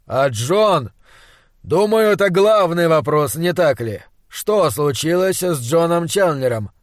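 Weary, stern middle-aged doctor, read by a man; slow, measured delivery. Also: on the high side, expressive, dry recording, studio quality.

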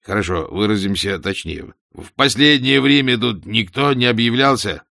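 A man voicing a furious, vain male demon king in an audiobook, speaking loud and agitated. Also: lowish voice, animated, normal speed, gravelly, no room sound, studio quality, exaggerated voice. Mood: impatient. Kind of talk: audiobook character voice.

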